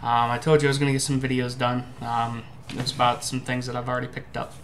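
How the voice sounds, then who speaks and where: A young man giving a casual, halting food review to camera, musing as he goes. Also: mid-range voice, monotone, a bit bright. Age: young adult. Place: indoor room at home. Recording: clearly noisy home webcam recording.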